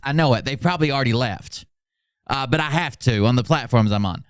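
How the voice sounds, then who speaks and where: A man whose voice is on the high side hosts a commentary channel, mocking things informally and sarcastically, swearing now and then, and doing dramatic read-outs. The sound is clean and studio quality, with no room sound.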